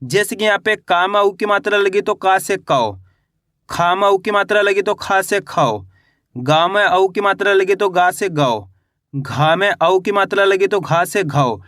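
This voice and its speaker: Bright, high-voiced man teaching reading. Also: measured pace, dry recording, clean studio sound. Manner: asks questions then answers them, drawing out vowel sounds. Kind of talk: step-by-step reading lesson.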